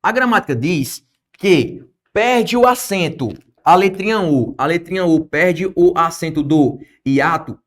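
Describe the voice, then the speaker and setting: A Brazilian man with a fairly high voice leads an exam-prep grammar lesson, close to the mic. He keeps asking the class questions and answers them himself, with a lively, coaching manner. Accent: Brazilian Portuguese. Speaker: teacher.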